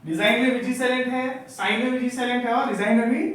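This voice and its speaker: A man's voice: very high-pitched, fairly even intonation, quick pace, fairly bright tone, slight background noise. A male teacher giving a classroom lecture, asking questions and having the class repeat the answers. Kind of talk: classroom lecture drilling vocabulary. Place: echoey classroom. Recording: echoey room, far from the mic.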